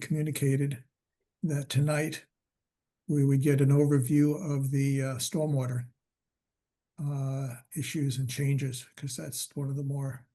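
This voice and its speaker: A man chairs a public commission meeting over a video call, his voice mellow and low in brightness but pitched a little high. He talks in a halting way, stopping on fillers, and his voice is going. He runs motions and roll calls in a plain, procedural way. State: losing his voice.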